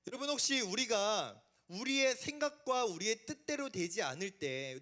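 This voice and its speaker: A young man preaching to a youth congregation as their pastor, animated and asking rhetorical questions. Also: high-pitched. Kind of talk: sermon.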